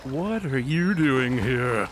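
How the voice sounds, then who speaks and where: An actor playing Holmes, a smug, unflappable and eccentric detective with a breezy, pedantic manner, in a radio drama. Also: male voice, medium pitch, expressive, slow, noisy background. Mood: nonchalant. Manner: breezy, self-assured, pedantic.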